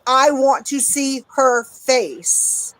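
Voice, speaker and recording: A woman's voice: sits high, lively intonation, very slow, a bit bright. A woman co-hosting a livestream in casual conversation. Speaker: livestream co-host.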